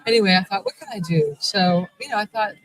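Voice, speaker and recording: Talking fast in a medium-pitched voice, a middle-aged vampire shop owner rambles through a long story as a guest in a live convention interview. She's chatty and keeps restarting her sentences, and the recording is rough.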